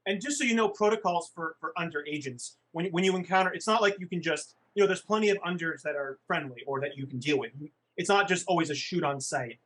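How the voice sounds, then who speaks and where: A man narrating as game master for a tabletop game, halting and restarting often. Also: on the high side, fairly bright tone.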